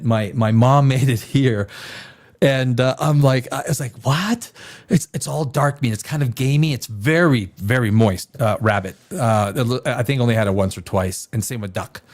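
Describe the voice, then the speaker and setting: Rambling opinionated man in his fifties. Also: mid-range voice. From born in Czechoslovakia, raised elsewhere. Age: 50s. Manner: rambling, opinionated, frequent restarts and fillers. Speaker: live show host reading chat. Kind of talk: casual live-stream commentary.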